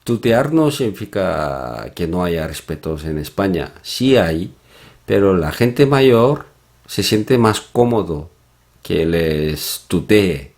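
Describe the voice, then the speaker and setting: A man teaching a Korean lesson from slides, explaining slowly with pauses and soft hums. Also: low voice, big pitch swings. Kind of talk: slide-based language lesson.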